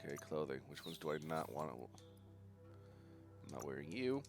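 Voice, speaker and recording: This streamer has a very deep voice with big pitch swings and a slightly slow delivery. Nasal and congested from a bad cold, he rambles and jokes through live commentary on his game while its music plays underneath.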